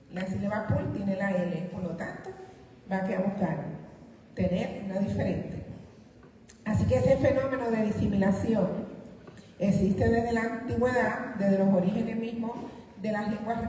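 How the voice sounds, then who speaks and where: Middle-aged woman giving a lecture, mellow dark voice, mic pretty far off in a big echoey hall. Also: fairly high pitch, slight background noise. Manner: explanatory, asks and answers her own rhetorical questions. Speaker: linguistics lecturer. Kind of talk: university conference lecture. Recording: echoey hall, distant mic, faint room ambience.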